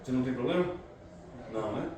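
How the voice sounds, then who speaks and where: Speaking to students as a recruiter, a weary man delivers a motivational talk, leaning on the filler "no caso" nonstop and pressing the audience for answers. His medium-pitched voice is expressive, quick, and darkish, captured through a distant mic in a very echoey room with background noise.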